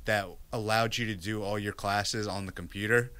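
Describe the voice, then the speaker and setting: A man's voice: lowish voice, steady tone, moderate pace, sharp tone, smooth. A man in his thirties from Virginia, a guest in a casual interview, speaking candidly with many fillers and restarts. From Virginia, United States.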